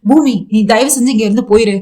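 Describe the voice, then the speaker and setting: A woman voicing a grieving young man who tries to send his wife away, in a fast, self-pitying retelling. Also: on the high side, warm tone, natural voice. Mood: sorrowful.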